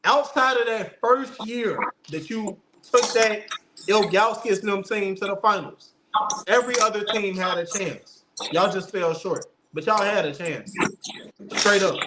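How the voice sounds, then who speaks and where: A man with a high-pitched voice talks sports in a casual, opinionated way. He is emphatic and insistent, repeating phrases to drive them home. There is clear noise behind him. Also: measured pace. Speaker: host of a basketball debate show.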